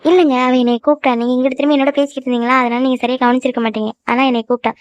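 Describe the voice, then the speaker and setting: A woman's voice: sits high, little pitch movement, no room sound, lightly acted. A woman voicing a flustered young cartoon woman who stammers and talks in a hurry. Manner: stammering, hurried.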